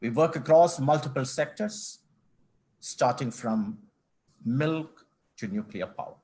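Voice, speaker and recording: A middle-aged man from Kerala, a company managing director speaking as a guest in an online panel interview, measured and formal with frequent restarts. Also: mid-range voice, darkish tone. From India, Kerala. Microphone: video call.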